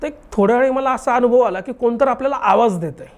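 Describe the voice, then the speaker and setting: A man's voice: extremely high pitch, fast talker. A young man telling a haunted story in casual chat, acting out the dialogue animatedly. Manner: animated, acts out dialogue in his retelling. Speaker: guest telling a true ghost story.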